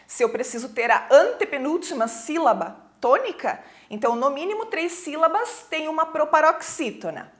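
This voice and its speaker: A woman's voice: high voice, sing-song. A Brazilian woman teaching a recorded school lesson, explaining patiently, checking in with the class and reading poems aloud. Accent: Brazilian Portuguese. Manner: reads poems aloud slowly.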